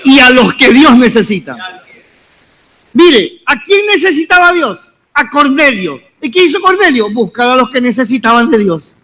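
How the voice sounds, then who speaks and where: High-voiced man preaching a lively sermon. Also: normal speed. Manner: preaching with repeated, rising exhortations; addresses the congregation as brother. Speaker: pastor.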